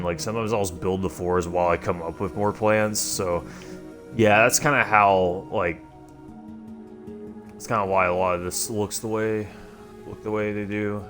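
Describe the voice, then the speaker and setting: A man with a slightly nasal, stuffy voice, chatting loosely through a casual gaming livestream, rambling with lots of fillers. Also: deep voice. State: stuffy from allergies. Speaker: streamer. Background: music.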